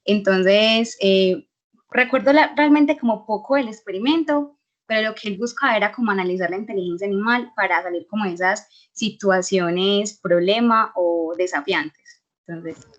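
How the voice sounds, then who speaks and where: A woman's voice: medium pitch, normal speed, dull audio. A young woman student answering in an online class, hesitant and full of fillers. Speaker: university student. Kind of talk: class participation.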